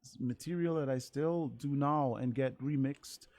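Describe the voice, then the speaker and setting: In a relaxed interview in a radio studio, a male singer from Saint Thomas speaks frankly but haltingly, filling pauses often. His medium-pitched voice has a darkish tone and moves a little slowly.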